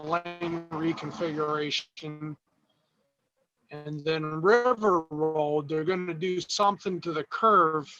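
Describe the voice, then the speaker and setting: Male committee member on a choppy video call, bad connection breaking up, halting delivery, muffled lo-fi audio. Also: on the high side, bright, forceful tone. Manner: halting, pausing often with "uh". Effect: breaking up over a bad video-call connection. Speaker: road advisory committee member giving a report. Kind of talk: informal report at a video-call public meeting. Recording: dull lo-fi call audio with faint noise.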